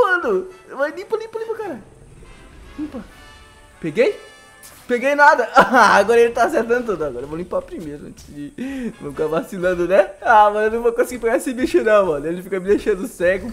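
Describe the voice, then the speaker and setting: A young man with a Brazilian accent giving excitable, slangy live commentary over gameplay and laughing often. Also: sits high. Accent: Brazilian Portuguese. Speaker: gaming YouTuber.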